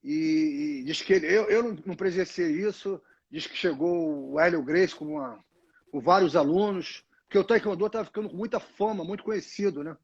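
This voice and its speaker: A retired fighter from Brazil, now older, talks briskly in a husky voice that sits high. He's the guest in a casual live interview, rambling through long stories with many restarts and "né?" tags, and the tripod-mounted phone gives dull lo-fi audio.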